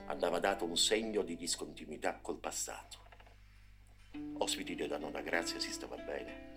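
A man reading a story aloud in an expressive, dramatic way, sometimes dropping to a hush. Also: extremely low pitch, normal speed, music in the background. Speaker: narrator. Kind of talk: storybook narration.

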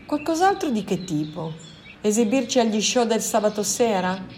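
A woman's voice: mid-range voice, sing-song, normal speed, a little mellow, slight background noise. A woman voicing a sullen, aloof male gorilla who answers in curt, clipped lines in a storybook reading.

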